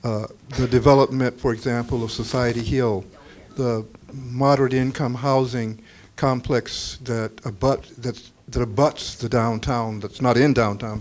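An older man, a book author on a panel, answers audience questions with deliberate, self-correcting speech and frequent fillers into a handheld mic in a crowded room. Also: medium pitch, darkish tone, a little hiss or hum. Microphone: handheld microphone.

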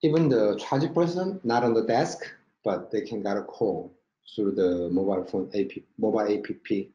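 In a roomy indoor space, a man with a mellow, lowish voice and a Korean accent walks through a product presentation on slides. He's the company's marketing director, hosting an online webinar with screen share, and his non-native English comes out haltingly with frequent check-ins. The recording sounds dull and roomy.

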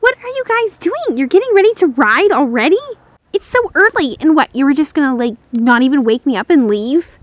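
Woman doing an excitable, flustered, high-pitched girl. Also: brisk, no room sound. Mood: put out. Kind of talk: toy role-play story acting.

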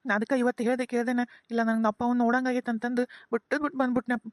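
A woman's voice: fairly high pitch, flat delivery, rapid-fire, no room sound, natural voice. A woman voicing an earnest, guilt-ridden young son with a North Karnataka accent, pleading with his parents in a cartoon. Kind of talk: cartoon voice acting.

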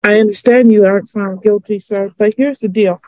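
A middle-aged woman presiding as judge over a court hearing on a video call, formal and firm, speaking haltingly. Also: medium pitch, fairly even intonation, dark tone, no room sound, low-quality recording.

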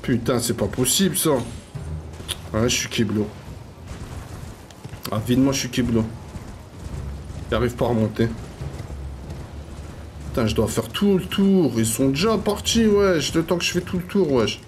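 A man giving live gameplay commentary, slangy and excitable, swearing and trash-talking enemies and repeating phrases. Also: medium pitch, a little slow, pauses often, a little hiss or hum. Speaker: gaming YouTuber.

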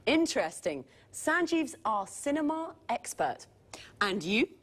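A woman playing a lively, bright-voiced presenter. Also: fairly high pitch, a little slow, full character voice. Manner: clear, expressive. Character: nervous new female TV presenter Lucy. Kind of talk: scripted beginner English lesson dialogue. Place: TV studio.

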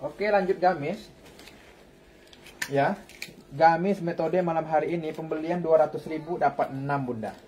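A man pitches clothes live from a shop floor. His voice sits a little high, and he calls out to customers in a repetitive hawker's patter. Some noise surrounds him on the phone recording. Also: moderate pace, long pauses, a little mellow. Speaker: live online clothing seller. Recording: clearly noisy shop live-stream.

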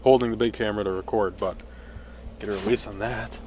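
Young man, low-ish voice, casual fishing vlog, outdoors on a lake, faint background noise. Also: steady tone, a little mellow. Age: young adult. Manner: upbeat, chatty, fast running commentary. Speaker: fishing vlogger. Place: small boat on a lake, outdoors.

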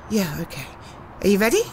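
There's slight background noise as a British roleplay performer, medium-pitched and at normal speed, voices a girlfriend talking to her partner. Playful, eager and easily flustered, the character comes out cute, coaxing, giggly and expressive in this casual one-sided scene.

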